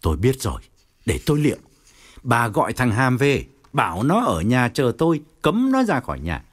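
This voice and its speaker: A man's voice: mid-range voice, wildly swooping pitch, moderate pace. A man voicing a stern, furious middle-aged provincial chairman who scolds harshly. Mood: curt. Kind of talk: audiobook character voice.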